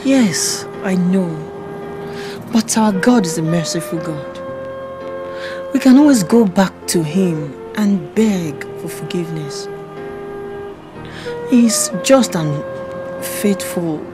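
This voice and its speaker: A man's voice: high-pitched, expressive, slow, long pauses, low-quality recording. An evasive churchman. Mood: pleading. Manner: stammering, evasive, persuasive. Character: smooth-talking hypocritical young churchman. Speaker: actor in a gospel film. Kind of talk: film drama acting. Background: background film music.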